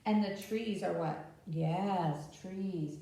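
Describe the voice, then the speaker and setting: Speaking extremely slowly in a mellow, fairly low voice, a woman hosts an interactive storytime, keeping her explanations simple and questioning the children often. A distant microphone captures her in a very reverberant room.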